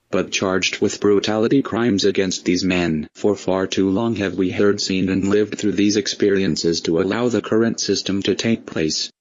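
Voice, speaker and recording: A man with a disguised, pitched-down deep voice, reading a scripted statement in a flat, measured, ominous way, as an anonymous spokesman. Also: no room sound. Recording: dull lo-fi, dry sound.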